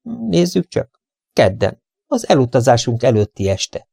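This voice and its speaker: A man's voice: medium pitch, big pitch swings, vocal fry, mellow, breathy edge, dry recording, heavily acted. A man reading an audiobook, playing a breezy, flippant young man with a light, offhand manner.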